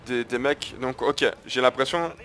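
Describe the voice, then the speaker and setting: A man's voice: mid-range voice, unhurried, fairly bright tone. A man hosting his gaming video, talking viewers through a strategy match in a casual, crude, chatty way. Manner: chatty, crude slang, keeps addressing viewers as guys. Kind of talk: casual live gameplay commentary.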